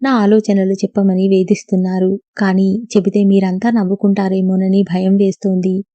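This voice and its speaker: A woman's voice: medium pitch, flat delivery, moderate pace, mellow, highs cut off, close to an everyday voice. A woman voicing a brooding, irritable young female college student who speaks curtly and sounds troubled. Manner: curt, troubled.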